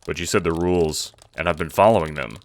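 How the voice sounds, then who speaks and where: In an audio drama, a man plays a casual, foul-mouthed young time traveler who talks in hesitant slang, sounding alarmed and confused. His voice sits low and he speaks fast.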